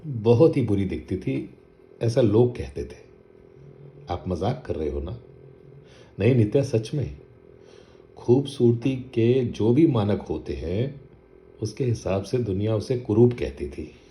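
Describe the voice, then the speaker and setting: A man voicing a doting middle-aged single father who talks to his daughter softly, with affection and teasing. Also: lowish voice, lively intonation, slow, long pauses, voice pushed up. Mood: wry.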